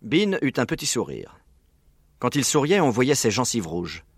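Animated man reading a storybook. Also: medium pitch, normal speed, slightly rough, no echo, clean studio sound. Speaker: narrator. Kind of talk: storybook narration.

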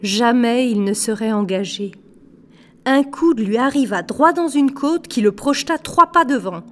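A woman reads a storybook aloud at an unhurried pace. Her voice sits somewhat high, and she gives the characters light touches of voice without leaving her narrating tone. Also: lively intonation, fairly bright tone, slight background noise. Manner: slow, measured reading with light character voices. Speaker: audiobook narrator. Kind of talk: scripted narration.

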